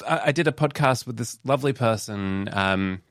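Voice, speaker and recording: A man's voice: medium pitch, normal speed, fairly bright tone, dry recording, clean studio sound. A man hosting a podcast in casual chat, rambling and reflective, often laughing. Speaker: podcast host.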